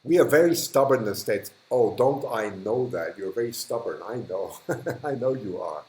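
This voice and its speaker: The livestream host, a German-accented man, chats casually and reads viewer comments, laughing often and drifting off mid-sentence. His fairly low, darkish voice is expressive and moderately paced, and the sound is roomy.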